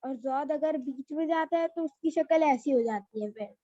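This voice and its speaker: A woman with a high, bright-toned voice walks children through the alphabet, saying each letter again and again. The sound is dry and dull, like a low-fi home recording. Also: normal speed, no echo. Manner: patient, repeats each letter name. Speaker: teacher.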